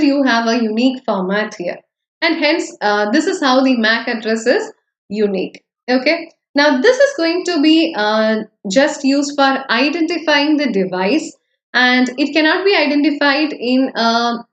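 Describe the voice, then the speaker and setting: A woman's voice: high voice, reverberant. A woman teacher with an Indian English accent, giving an online exam-prep lecture, explaining step by step with many fillers and "okay" checks.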